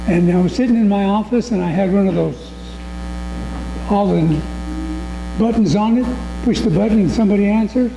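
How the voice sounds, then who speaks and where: An older man speaks to an audience in a reverberant hall over a loud hum. He tells stories in a halting, folksy, conversational way, and his voice is a bit troubled. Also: high voice, creaky. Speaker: guest speaker on immigration. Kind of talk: conversational talk with anecdotes. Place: large echoey room, on a microphone.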